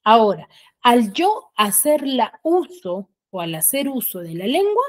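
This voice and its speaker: A woman's voice: a little high, very animated, a little slow. A woman teacher with a Peruvian Spanish accent, giving an online school lesson in an explanatory way and often ending phrases with tag questions, recorded on a computer mic. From Peru. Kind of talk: online class lecture.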